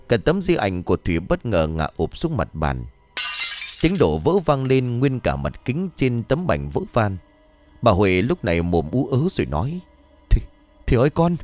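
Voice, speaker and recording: Low-voiced man narrating a ghost story. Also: a little mellow. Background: faint background music.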